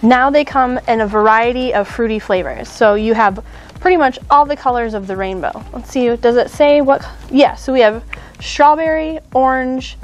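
A woman's voice: fairly high pitch, moderate pace, lo-fi sound. A woman in her thirties hosting a casual candy shop chat, upbeat and chatty with fillers and small laughs.

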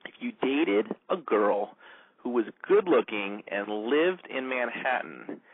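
A man's voice: mid-range voice, sing-song, takes it slowly, creaky, slightly rough, no echo. A male radio host casually telling a long, rambling story, with lots of fillers. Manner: rambling, full of "like" and "you know". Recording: narrow phone-like band, dry.

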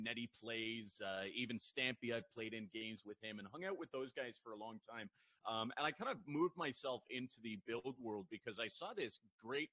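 A man's voice: fairly low pitch, sharp tone, no room sound, poor audio. A man speaking as a guest on a panel over a voice call, talkative and upbeat with plenty of fillers. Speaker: panel guest, company founder. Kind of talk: casual panel chat.

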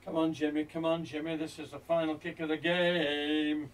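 A man's voice: fairly high pitch, little pitch movement, normal speed. An older man reacting casually to a football match, often repeating his phrases. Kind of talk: casual watch-along commentary. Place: small wood-panelled fan room, away from the camera. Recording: distant room mic with light noise.

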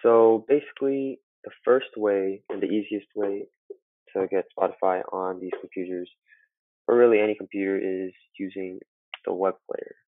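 A student makes a casual screen-recording how-to video about a computer, speaking loosely and chattily with lots of fillers. His low, steady voice moves at a moderate pace and sounds muffled, as if through a wall, from the built-in laptop mic, with no room sound.

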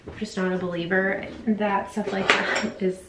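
A woman's voice: mid-range voice, flat delivery, normal speed, very noisy. Young woman rambling in a casual vlog, lots of ums, sounds a bit far off in an echoey bathroom. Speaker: lifestyle vlogger. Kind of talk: chatty personal vlog. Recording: echoey room, off-mic, faint ambience.

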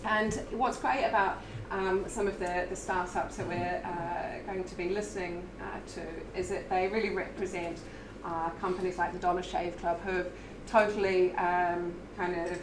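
A woman's voice: lowish voice, steady tone, normal speed. A woman hosting a live business event, introducing speakers with many ums and uhs. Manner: hesitant, many fillers. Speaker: event host. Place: brick-walled meeting room with audience. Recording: echoey room with background noise.

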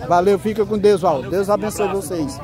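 A man with a high-pitched voice and a Northeastern Brazilian accent narrates a street vlog at a moderate pace, chatting casually and often repeating himself. He is a vlogger behind a handheld camera at an outdoor street market in a town square. The recording is noisy, with traffic and a crowd in the background.

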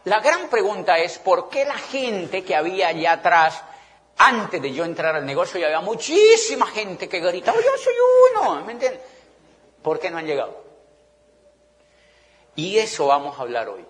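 A middle-aged man with a Colombian accent giving an animated motivational talk to a live audience, often checking that they follow him. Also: sits high, normal speed. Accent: Colombian Spanish. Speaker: motivational business speaker. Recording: long reverb of a large hall.

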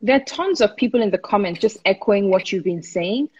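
A woman's voice: medium pitch, animated, brisk, darkish tone, husky, dull audio. Nigerian woman hosting an insta live, reads comments out, says um a lot, medium voice. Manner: conversational, many ums while reading. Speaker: host. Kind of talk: live-stream interview, reading comments. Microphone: phone on a live video stream.

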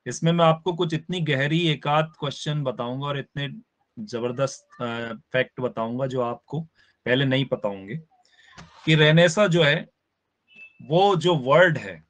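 A man teaching a live online class, explaining step by step and often checking in with his students. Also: medium pitch. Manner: spells out words slowly for emphasis.

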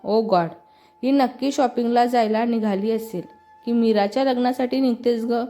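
A woman voicing an exasperated younger sister who questions and scolds her slow-moving sibling, in a read-aloud storybook. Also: on the high side, fairly even intonation, warm tone, faint music behind, natural voice.

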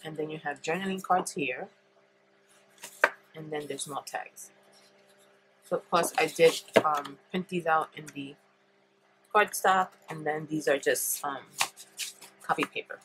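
In a very noisy recording, a woman with a deep, congested, stuffy voice demonstrates a paper craft at her table. She goes slowly with long pauses, thinking aloud with many ums as she walks through each step in a relaxed way.

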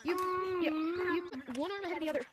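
Very high, fast woman explaining patiently. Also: background noise. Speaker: player in voice chat.

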